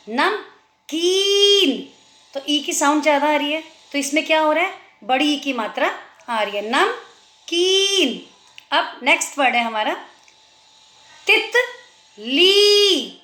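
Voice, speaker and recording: High bright-voiced woman teaching slowly. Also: echoey room. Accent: Indian. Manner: slow, drawn-out pronunciation of example words. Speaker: Hindi teacher. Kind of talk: children's language lesson.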